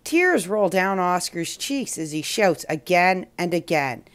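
A woman hosting a children's story show, reading a picture book aloud in a slow, expressive way. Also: lowish voice. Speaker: storyteller host.

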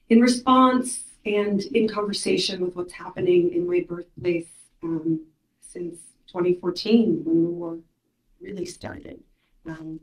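At a mic stand in a small gallery room, a Ukrainian poet in her thirties, a native Russian speaker, reads her poems in a soft, measured way. Her voice is on the low side, and the room adds a noticeable echo.

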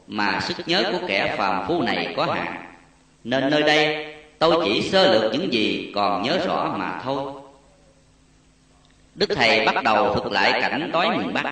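A man reading a Buddhist memoir story aloud in a solemn, slow way, with a rising and falling voice, recorded far from the mic in an echoey space. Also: a little high. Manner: slow, solemn, lively rise and fall. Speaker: narrator. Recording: echoey and distant.

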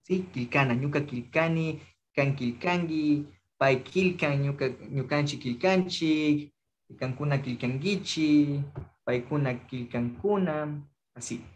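A young man with an Ecuadorian Spanish accent, teaching a language class over a video call, with a faint hiss behind him. His voice sits a little high for a man. He drills phrases slowly and patiently, asking his students again and again whether they follow. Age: young adult. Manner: patient, slow drilling of phrases, checks in with frequent "¿sí?".

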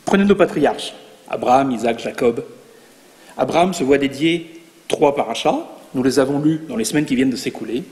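A man's voice: medium pitch, moderate pace, a little mellow. A man preaching a sermon in a synagogue, articulate and lightly ironic. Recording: long reverb in a large hall.

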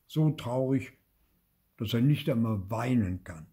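An older man reading a children's story aloud in a lively, expressive way, with a husky voice. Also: mid-range voice, a little slow. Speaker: storybook reader.

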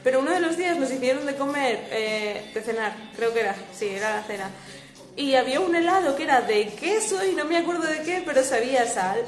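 A woman's voice: sits high, animated, a little fast, echoey room. A woman with a Spain Spanish accent hosting a casual livestream chat from a hammock at home, talking into her phone, reading viewer comments and laughing often. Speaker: livestream host. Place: at home lying in a swaying hammock.

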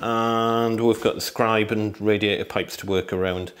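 A man's voice: lowish voice, steady tone, measured pace. A man in his thirties, a handyman, chatting through a DIY tutorial and thinking aloud as he tidies a room under renovation. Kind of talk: DIY tutorial walk and talk.

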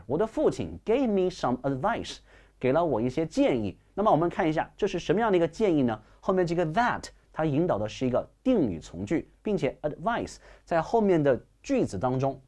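A man teaching English vocabulary in class. He explains in Chinese, reads the English sentences slowly and carefully, and keeps a lively, encouraging manner. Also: a little high. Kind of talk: bilingual classroom lecture.

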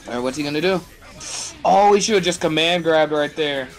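A man's voice: fairly high pitch, normal speed, a little hiss or hum. A man giving casual live play-by-play commentary on a fighting game. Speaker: esports match commentator.

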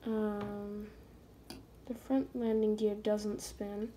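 A woman giving a casual unboxing review of a scale model, filmed on a phone, hesitant with many ums and pauses. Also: medium pitch, little pitch movement, dark tone, a little hiss or hum. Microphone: phone camera.

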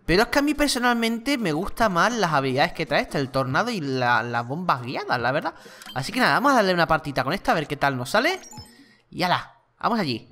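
A gaming channel host with a Spain Spanish accent giving chatty, excitable gameplay commentary. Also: medium pitch, fast talker. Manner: excitable, chatty, exclaims and laughs during play.

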